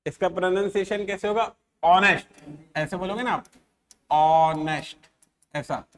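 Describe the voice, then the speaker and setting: In his exam-focused grammar lesson, a man pronounces letters and words deliberately and keeps asking whether the class is with him. His pitch is high.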